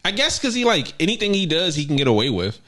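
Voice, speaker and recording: Young guy cohosting a podcast, pitch swings all over, kinda high voice, cussing and hyped. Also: fast talker. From United States. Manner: animated, profane, bursts into high exclamations. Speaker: podcast co-host. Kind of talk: casual chat.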